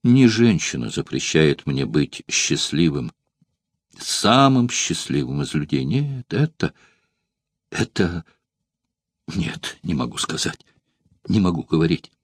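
A man's voice: rumbling low, sing-song, slow pace, pauses often, breathy edge, no room sound, studio quality, pitched below the performer's own voice, exaggerated voice. A man voicing an anguished gladiator whose voice trembles with grief. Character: anguished gladiator, bound by an oath.

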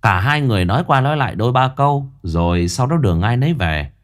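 A man narrating a ghost story in an expressive storytelling way. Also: mid-range voice, fast talker.

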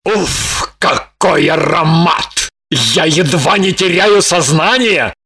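A woman's voice: low-pitched, expressive, slow pace, vocal fry, exaggerated voice. A woman doing a ravenous, outraged man. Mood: greedy. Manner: loud, outraged, theatrical. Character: hungry indignant grown man, hiding lover.

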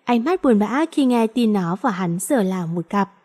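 A woman narrating a romance novel in a steady, even reading voice. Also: mid-range voice, normal speed. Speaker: audiobook narrator.

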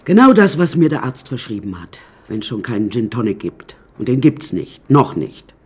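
Playing a domineering, eccentric elderly woman painter in a radio drama, this actor speaks at a moderate pace in a medium-pitched, darkish, husky voice that's very animated. The character talks straight to the listeners, theatrical, haughty and full of complaint.

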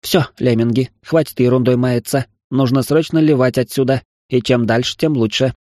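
A man's voice: medium pitch, steady tone, moderate pace, mellow, dry recording, clean studio sound, voice pushed up, natural voice. A man doing a brash bossy woman. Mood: brusque. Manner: brusque, slangy.

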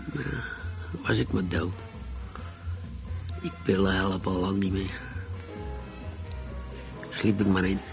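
An actor playing a bitter, gravelly old man. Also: low-pitched, little pitch movement, over music, heavily acted, low-quality recording. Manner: halting, repeating words, outbursts of indignation. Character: bitter old man, sleepless, resentful of neighbours. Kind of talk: radio play monologue.

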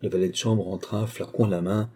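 Man narrating with a very dark voice. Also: deep voice, steady tone, husky. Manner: measured storytelling. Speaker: audiobook narrator. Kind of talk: scripted novel narration.

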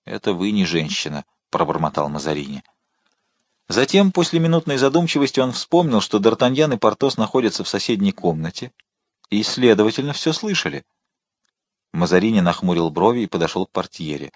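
A man narrating a historical novel in an audiobook with steady, expressive storytelling. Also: on the low side, fairly quick, no room sound, studio quality. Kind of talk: scripted narration.

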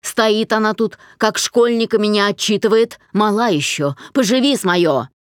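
A gruff middle-aged father, done by a woman narrator, answers in a low, scornful voice. His words come short and dismissive. The read is dry and close. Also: moderate pace, a little mellow, no room sound. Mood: angry. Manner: low, contemptuous, curt.

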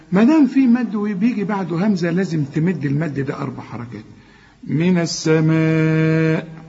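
A man with an Egyptian accent teaching Quran recitation rules. He explains each rule and then stretches the sounds out slowly. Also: high voice, dark tone, dull audio. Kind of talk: tajweed lesson with recited verses.

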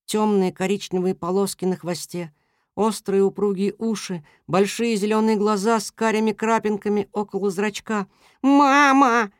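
A narrator reading a children's story aloud in an even, gentle manner. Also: medium pitch, moderate pace, no room sound, clean studio sound.

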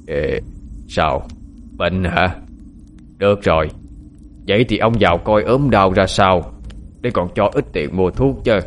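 A man's voice: sits low, slow, long pauses, slight background noise. A man voicing a cruel, lecherous village official who orders people around and coaxes with false sweetness. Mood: wheedling. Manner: domineering, threatening, then falsely sweet.

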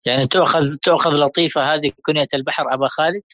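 Male student, brief quick questions, fairly high, muffled online line. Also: fairly even intonation, fairly bright tone.

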